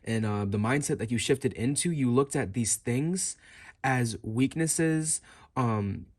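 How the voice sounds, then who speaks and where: Slow and medium-pitched, his darkish voice has a breathy edge. This man is a tarot reader improvising a fortune for the listener, pondering as he goes and returning to restate his phrases in new ways.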